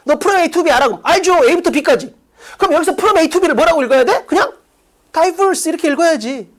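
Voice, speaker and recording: A woman lecturing an exam-prep English class, her high voice leaping up and down as she drives each point home. She peppers the room with rhetorical questions and bluntly calls students stupid, swearing freely. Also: expressive. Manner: blunt, rapid-fire rhetorical questions, insults students with profanity. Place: academy classroom with blackboard.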